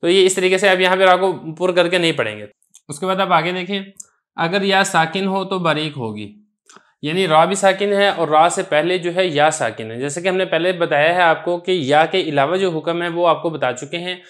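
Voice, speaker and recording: A man teaching a recorded lesson on recitation rules, explaining patiently step by step and repeating each example slowly. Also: high-pitched, fairly bright tone.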